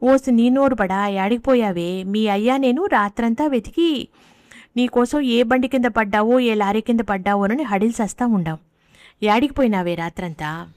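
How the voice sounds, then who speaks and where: Storybook village mother, earthy and loud, rough dialect, read by a woman, dry close sound. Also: medium pitch, moderate pace, no room sound, close to an everyday voice. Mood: scolding. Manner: scolding rustic dialect, fervent blessings.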